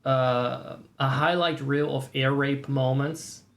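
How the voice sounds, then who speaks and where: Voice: medium pitch, fairly even intonation, slow. Sarcastic, mock-boastful livestreamer with mid-range voice. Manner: profane. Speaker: livestream host. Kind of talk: casual chat to stream viewers.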